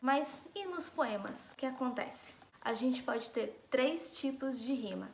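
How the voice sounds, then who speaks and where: A woman's voice: high-pitched, animated, measured pace, echoey room, a little hiss or hum. A woman teacher giving a recorded class lesson in a chatty, explanatory way, stressing syllables one by one and talking straight to her students. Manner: chatty, addresses students directly. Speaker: school teacher.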